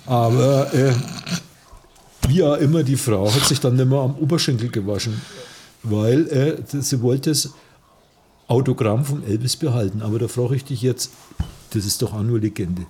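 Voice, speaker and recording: A man's voice: medium pitch, normal speed, dark tone, a little hiss or hum. A man in casual conversation as a podcast co-host, rambling and joking between asides. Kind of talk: casual chat.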